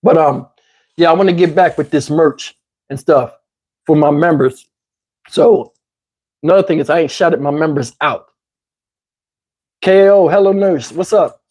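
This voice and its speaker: Speaking a little slowly and pausing often, a man with a slightly high, darkish voice and a Southern US accent hosts a casual YouTube commentary livestream. He rambles conversationally, asking viewers "you know what I'm saying," his throat parched and his voice tiring.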